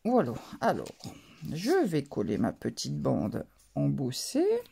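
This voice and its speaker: A woman's voice: sits low, huge pitch swings, slow, gravelly, warm tone, husky. A woman narrating a card-making tutorial, describing each step as she works, with many little fillers and hesitations. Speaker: craft channel host.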